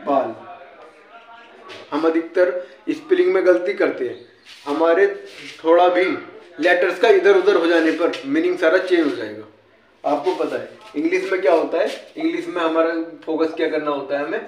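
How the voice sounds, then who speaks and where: A man with an Indian accent explaining English words like a teacher, often asking a question and answering it himself. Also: fairly high pitch. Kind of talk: casual classroom-style explanation. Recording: echoey room.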